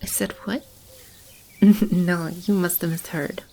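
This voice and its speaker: A woman whispers and speaks softly as a caring female demon in an ASMR roleplay, looking after animals and a lost child. Her voice sits on the low side, slow and fairly even, yet she comes across as playfully flustered while staying soothing, tender, intimate and reassuring. The ambience of animals and birds is plainly audible.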